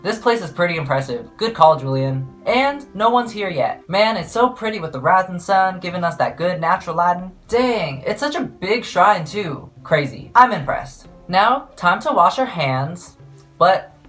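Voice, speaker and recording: A woman's voice: fairly low pitch, expressive, normal speed, a bit bright, faint music behind. A young woman narrating her travel vlog in a playful, jokey, self-mocking way. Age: young adult. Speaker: vlogger.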